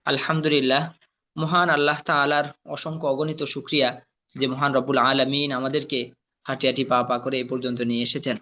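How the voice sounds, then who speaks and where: Spelling out sounds slowly, a male teacher leads a patient classroom lesson on reading Quran letters and puts questions to his students. His medium-pitched voice sounds pushed and bright.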